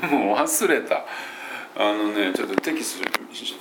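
Man, English pronunciation teacher, casual audio diary, meandering with fillers, slightly low voice. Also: lively intonation, very noisy. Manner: rambling, meandering, with many fillers and self-corrections; demonstrates English phrases slowly and deliberately.

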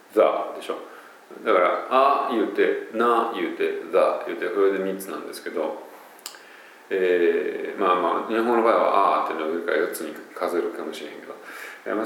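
A man's voice: low voice, animated, brisk, creaky, fairly bright tone, recorded from a distance. A man with a Kansai accent, an English pronunciation teacher, casually explaining sounds and demonstrating them aloud. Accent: Kansai Japanese. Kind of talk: casual spoken lesson. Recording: very echoey room.

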